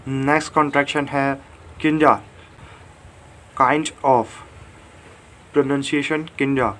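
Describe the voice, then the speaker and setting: A man teaching English grammar. He reads the English examples slowly and clearly, then explains them in Hindi with many fillers. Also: medium pitch, a bit bright, slight background noise. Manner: frequent fillers and tag "theek hai". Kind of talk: bilingual grammar lesson.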